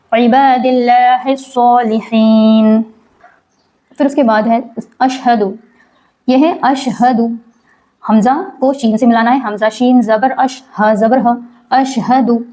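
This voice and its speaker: A woman with a slightly high voice teaches a prayer line by line. She stretches each recited phrase out slowly and carefully, then switches to brisk, plain explanation. She often poses a question and answers it herself. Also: fairly even intonation, dark tone. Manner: asks and answers her own questions. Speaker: religious teacher. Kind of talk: recitation lesson with slow drawn-out chanting.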